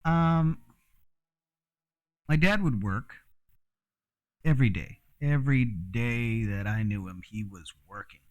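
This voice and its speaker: A man's voice: mid-range voice, slow, pauses often. A man who grew up in Mexico, talking in a rambling, frank casual monologue with frequent fillers and the odd curse. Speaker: host.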